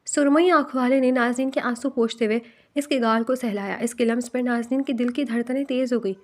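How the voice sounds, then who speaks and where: High-pitched woman narrator reading a romance novel, voicing all roles. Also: steady tone, a little mellow. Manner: reads every part herself, with quoted dialogue.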